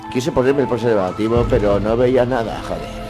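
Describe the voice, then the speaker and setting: A man's voice: medium pitch, normal speed, music in the background. A man hosting a radio comedy show, reading odd news with crude jokes and constant swearing. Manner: crude, joking banter with heavy swearing.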